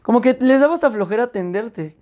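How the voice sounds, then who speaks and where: A young Mexican woman chatting casually on a podcast, telling a story in a slangy, animated way and acting out what other people said. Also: fairly high pitch, fast. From Puebla, Mexico.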